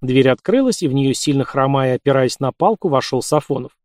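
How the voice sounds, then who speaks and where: A man narrating an audiobook in an even, clear reading. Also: mid-range voice, brisk, no echo, clean studio sound.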